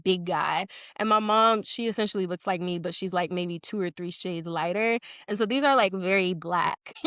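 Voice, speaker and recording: A young woman who grew up between Colombia and Houston, a podcast guest telling stories in a loose, animated way, laughing often and saying "like" a lot. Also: medium pitch, clear, resonant tone, dry recording, clean studio sound. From Colombia, raised in Houston. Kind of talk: casual podcast conversation.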